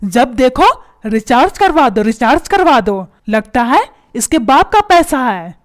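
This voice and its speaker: Woman doing a grumpy cartoon husband, stingy and threatening, very high voice, swings up and down. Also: sing-song, unhurried. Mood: scolding. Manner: scolding, threatening, sarcastic. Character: stingy, short-tempered middle-aged husband. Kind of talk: comic cartoon dubbing.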